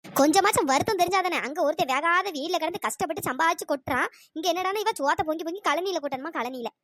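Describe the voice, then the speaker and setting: A woman doing a shrill, nagging old village mother-in-law. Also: very fast, fairly bright tone, no room sound, studio quality. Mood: scolding. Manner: scolding, sarcastic, relentless. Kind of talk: cartoon dialogue with pitch-raised voice.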